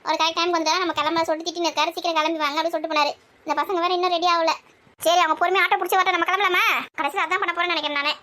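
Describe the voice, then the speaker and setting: A woman races through acted village family banter, her very high, bright voice holding a steady tone. She scolds and nags the rest of the household in rapid-fire exchanges.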